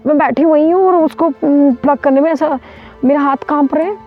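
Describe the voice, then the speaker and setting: Speaking at a normal pace in a high voice, an Indian woman mountaineer shares the story of an ordeal as an interview guest. Her retelling is urgent and vivid, with many restarts, and the recording is dull and lo-fi with faint background music.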